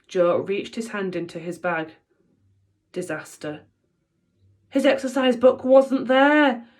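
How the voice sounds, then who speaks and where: A woman teacher reading a children's book aloud, with expressive, playful storytelling. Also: high-pitched.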